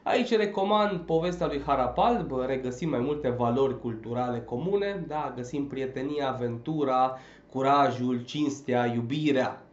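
A man teaching an exam-prep language lesson, emphatic, checking in often with a quick "da?". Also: mid-range voice. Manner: emphatic, drills points with frequent "da?". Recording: echoey, slightly dull recording.

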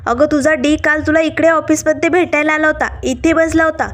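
A woman's voice: high voice, fairly even intonation, close to an everyday voice. A woman voicing a nosy young office colleague who keeps pressing with questions. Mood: prying. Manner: prying, quick questions.

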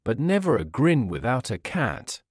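A man's voice: medium pitch, wildly swooping pitch, measured pace, no echo, clean studio sound. Alice, a polite curious girl, read by a man. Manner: politely questioning.

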